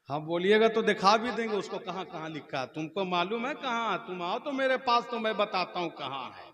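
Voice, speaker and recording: A man from Kolkata preaching at a religious gathering, telling humorous stories and acting out the characters in them, building to emphatic climaxes. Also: high-pitched. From Kolkata, India. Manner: animated storytelling, acts out characters, rising to emphatic climaxes. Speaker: Islamic preacher.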